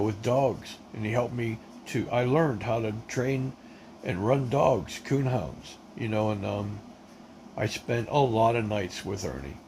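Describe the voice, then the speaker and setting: A man's voice: lowish voice, gravelly, a little mellow, slight background noise, low-quality recording. A man telling his life story in a casual, rambling way, full of restarts, blunt and emphatic. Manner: rambling, with many fillers and restarts. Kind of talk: casual spoken testimony.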